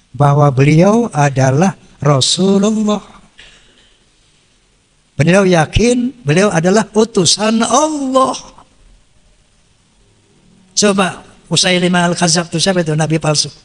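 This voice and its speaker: Man preaching, pretty high voice, asks the crowd questions, big echoey hall. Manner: quotes and translates scripture, asks audience rhetorical questions. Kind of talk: sermon.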